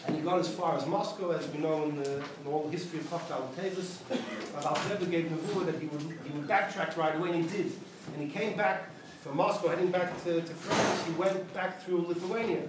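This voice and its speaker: Male rabbi, animated storyteller, high voice; distant, very echoey synagogue recording with background noise. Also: fairly quick. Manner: animated storyteller, acts out quotes, Yiddish words mixed in. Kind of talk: storytelling talk at a gathering. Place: synagogue hall. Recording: very echoey hall, distant mic, noisy.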